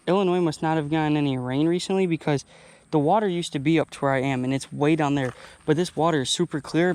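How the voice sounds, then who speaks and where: Breathless young-sounding fishing vlogger man. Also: fairly high pitch. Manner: excited, rambling, talks straight to viewers. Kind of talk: casual outdoor vlog narration. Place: outdoors by a pond. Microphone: action camera.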